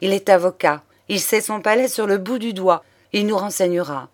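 An older aristocratic count, shaken by grief yet rousing himself with sudden energy, as a woman reads him aloud. He speaks earnestly and with paternal tenderness, exclaiming often. It is storybook reading in a plain voice of middle pitch. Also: moderate pace, lightly acted. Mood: fatherly. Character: elderly aristocratic count, grieving, energetic father.

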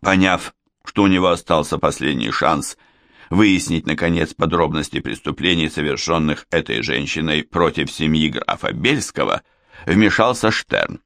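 Brief: male audiobook narrator, deep and expressive, dry close recording. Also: moderate pace, gravelly, no echo. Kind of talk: scripted narration.

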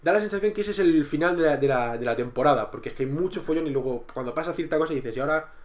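A man's voice: on the high side, fast talker. A man co-hosting a podcast, chatting casually about a TV series, rambling with many restarts and repeated words. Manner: acts out characters' lines in quotes. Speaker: podcast co-host reviewing a TV series. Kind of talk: casual chat.

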